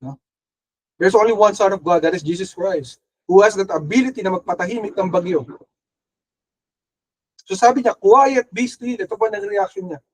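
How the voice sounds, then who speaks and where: A man's voice: high voice, normal speed, pauses often, darkish tone, rough recording. A young adult Filipino man preaching a sermon as pastor, mixing Tagalog and English and acting out voices from the story. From Philippines. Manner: switches between Tagalog and English, acts out quoted voices.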